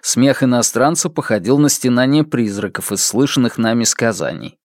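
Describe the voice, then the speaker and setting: A man reading a literary novel aloud as an audiobook narrator, in an expressive manner. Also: mid-range voice, moderate pace, no room sound, studio quality.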